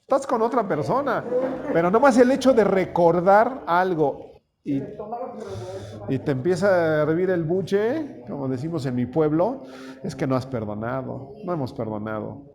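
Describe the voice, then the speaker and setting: Folksy pastor, conversational sermon. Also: male voice, on the high side, animated, moderate pace, a crowd in the background. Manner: folksy, asks the congregation questions often.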